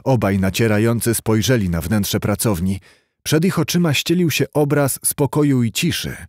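Male audiobook narrator, measured delivery, dry close sound. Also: mid-range voice, lively intonation, a little mellow, no echo. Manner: measured, storytelling. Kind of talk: scripted literary narration.

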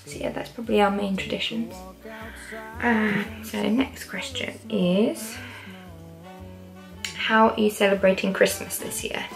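A young British woman talks casually to camera at home. Her medium-pitched voice has plenty of vocal fry, and music plays clearly behind her. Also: fairly even intonation, measured pace, rough recording. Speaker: vlogger. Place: small living room at home, indoors. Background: background music.

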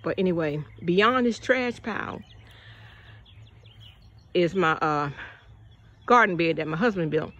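A woman's voice: on the low side, lively intonation, unhurried, long pauses, a bit bright, dull audio. An older woman, a bit out of breath, chatting casually to viewers while walking through her outdoor vegetable garden, calling them y'all. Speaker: gardening vlogger.

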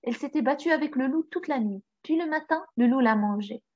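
A woman's voice: sits high, lively intonation, a little fast, darkish tone. A woman voicing a kindly, worried old goat farmer in a storybook reading, fretful and pleading. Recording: slightly dull recording.

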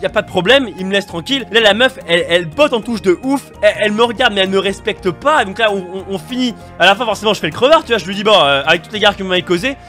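A young man telling a story on his vlog, animated and slangy, acting out the people in it. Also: high voice, racing, few pauses, soft background music. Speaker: vlogger.

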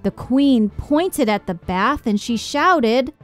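A woman reads a children's book aloud at a slow, careful pace. Her delivery is expressive and sing-song. Soft music plays behind her. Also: a little high. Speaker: storyteller.

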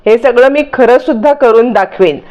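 A cocky, taunting young schemer who hurls threats at everyone, as a woman reads her out. The voice sits a little high, with a slightly dull, lo-fi sound. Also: normal speed, a little mellow, lightly acted. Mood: threatening.

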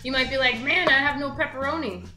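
Woman, young, high voice, chatty cooking host, echoey kitchen, music behind. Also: quick pace. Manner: chatty, upbeat, talks straight to the viewer. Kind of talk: casual cooking demonstration. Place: home kitchen, indoors.

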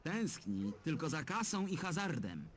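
A man's voice: a little high, sing-song, measured pace, a little hiss or hum. An actor voicing a sarcastic, sulky talking male bird in a dubbed adventure game. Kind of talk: game dub voice acting.

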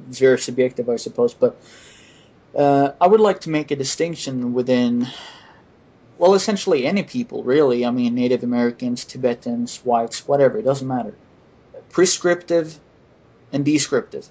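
Male podcast host, husky voice, hesitant delivery with many restarts. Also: medium pitch, darkish tone. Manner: hesitant, halting, frequent restarts. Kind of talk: casual podcast discussion.

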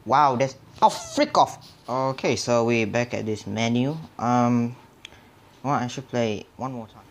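A man's voice: medium pitch, steady tone, a little slow. A man playing a horror game and commenting on it, jumpy and nervous, often dropping to a whisper and muttering mild curses to himself. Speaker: gamer. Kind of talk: horror let's play commentary.

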